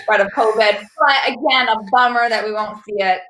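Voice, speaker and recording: A woman co-hosting a sports talk show, her voice bright and fairly high. She sounds upbeat as she moves the show along, with a roomy echo around her. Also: a little fast, slight background noise. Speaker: co-host.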